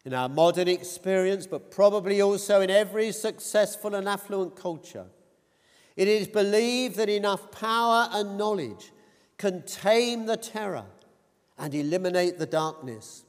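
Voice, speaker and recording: A man preaching a sermon in a measured, deliberate way, his voice rising on quoted cries. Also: high voice. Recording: long reverb of a church hall.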